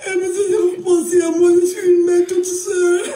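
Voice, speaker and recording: A woman's voice: sits high, moderate pace, mellow, roomy sound, recorded from a distance, a little hiss or hum, close to an everyday voice. A woman playing a weeping, begging singer. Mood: wailing. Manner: tearful begging, repeats "monsieur Gérard".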